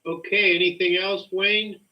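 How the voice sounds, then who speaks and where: A man's voice: high-pitched, little pitch movement, a little slow. A man chairing an informal meeting in plain, practical talk. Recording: dull, band-limited meeting audio.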